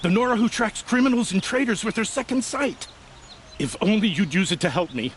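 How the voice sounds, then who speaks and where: Formal, aggrieved nobleman, highish voice. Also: big pitch swings, brisk, slight background noise. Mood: pleading. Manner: earnest, formal, proud. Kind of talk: video game dialogue acting.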